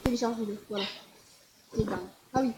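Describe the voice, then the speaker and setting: High-voiced chatty woman, noisy recording. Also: fast talker. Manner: chatty, excitable, rambling with fillers. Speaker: gaming vlogger. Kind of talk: casual screen-recorded commentary.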